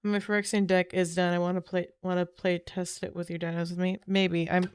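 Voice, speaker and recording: A woman's voice: fairly low pitch, level tone, fairly quick, clear, resonant tone, dry recording. A woman streamer chatting casually after a game, rambling, trailing off and correcting herself as she goes. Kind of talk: casual chat while gaming.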